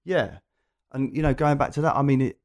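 A man's voice: mid-range voice, brisk. A man with an Essex accent telling anecdotes in a casual chat, in a rambling, jokey way. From Essex, England. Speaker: podcast guest.

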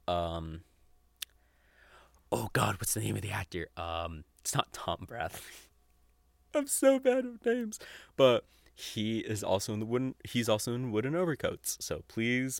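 A podcast host in his twenties talks informally and unscripted about podcast recommendations, swearing some and chuckling often. His voice sits on the low side with a fairly bright tone, in clean studio sound with no room sound.

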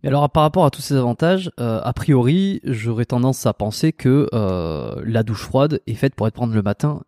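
A man's voice: mid-range voice, expressive, normal speed, warm tone, no room sound, clean studio sound. A man hosting an interview, thinking aloud hesitantly and correcting himself as he asks questions. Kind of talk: conversational interview.

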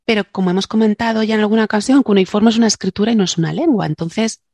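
A woman's voice: medium pitch, steady tone, very fast, a little mellow, no room sound, studio quality. A woman co-hosting a casual science podcast, a linguist who chats, jokes and explains things with digressions. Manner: chatty, joking, explains with digressions.

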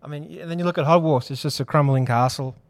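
An Australian man co-hosting a podcast in loud, matey lad banter, blunt and sweary with short punchy remarks. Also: fairly high pitch, fast talker, dry recording. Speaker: sports podcast co-host.

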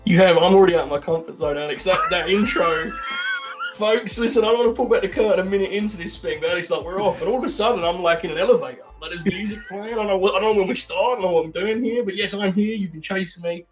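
British male guest, quick talker, rambling and self-deprecating, a touch higher voice. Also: music in the background. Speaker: podcast guest. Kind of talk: casual chat.

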